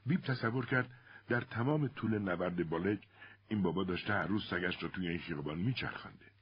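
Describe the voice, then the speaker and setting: A man narrating an audiobook in an expressive storytelling manner. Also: deep voice, breathy edge, dry recording, dull audio.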